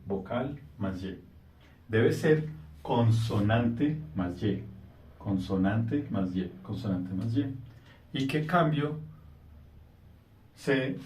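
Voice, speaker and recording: A man who teaches English explains grammar in a patient lesson, slowing down to stress key words for his learners. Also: medium pitch, darkish tone, slight background noise. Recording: roomy sound from a distance.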